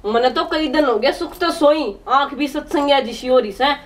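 Woman playing high-pitched sharp-tongued Haryanvi housewife. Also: normal speed, natural voice. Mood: weary, complaining. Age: young adult. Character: sharp-tongued young village housewife, fed up with in-law. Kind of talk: Haryanvi comedy skit acting. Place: open house courtyard, outdoors.

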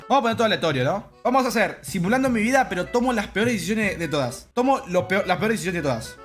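A young man with an Argentine accent, a brash, profane streamer reading game text aloud and commenting. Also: high-pitched. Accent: Rioplatense Spanish. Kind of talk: casual gameplay commentary.

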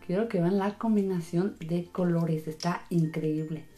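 A woman narrates a casual hands-on craft demonstration as the host. Her voice sits a little low for a woman, yet her delivery is sing-song, enthusiastic and welcoming. Faint music plays behind her. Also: fairly even intonation, measured pace, dark tone. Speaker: host of a slime channel.

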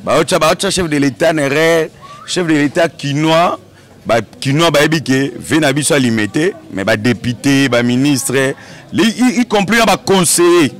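A young man with a slightly high, expressive voice speaks at an ordinary pace as a guest in an outdoor interview, holding a handheld mic in a courtyard setting. He's emphatic and repeats himself a lot, with hesitant fillers.

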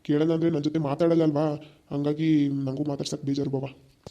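Guy doing a heartbroken older brother, mellow voice, full of regret. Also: fairly high pitch, completely flat delivery, brisk, muffled recording, pitched below the performer's own voice, close to an everyday voice. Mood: sorrowful. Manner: sorrowful, pleading. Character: regretful older brother estranged from his sister.

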